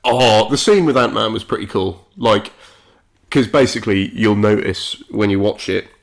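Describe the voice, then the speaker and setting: A man co-hosting a casual film review, agreeable and bantering, often chiming in with quick yeses. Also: fairly low pitch, gravelly. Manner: agreeable, lots of yeps, banters. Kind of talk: casual chat.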